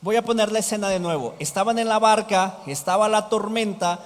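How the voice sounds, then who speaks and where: A man's voice: sits high, fairly quick. A man preaching a sermon as pastor, asking the congregation rhetorical questions. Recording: hall reverb.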